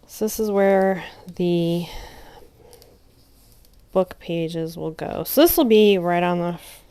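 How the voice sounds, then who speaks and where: A woman with a slightly low voice talks through a hands-on craft tutorial at home. She is chatty and meandering, often trailing off and restarting as she works. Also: slow, dark tone. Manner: chatty, rambling, many fillers and restarts. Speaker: crafter teaching junk journal making. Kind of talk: casual craft tutorial narration.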